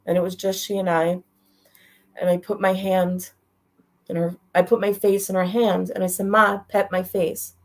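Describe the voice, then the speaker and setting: A woman's voice: fairly low pitch, level tone, moderate pace, pauses often, warm tone. A middle-aged woman telling a personal story as a guest, in a direct and heartfelt way, repeating her phrases. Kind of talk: emotional storytelling.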